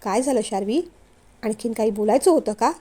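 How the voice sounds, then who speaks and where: A woman's voice: fairly high pitch, fairly quick, dark tone, voice pushed down, close to an everyday voice. A woman doing a polite young male director. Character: young man, polite company director, kind son.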